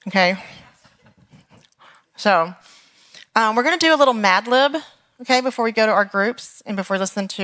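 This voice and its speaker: A woman with an American accent, leading a church teaching session in a chatty, playful way, laughing often and rising high when excited. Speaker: women's ministry leader. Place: church meeting room.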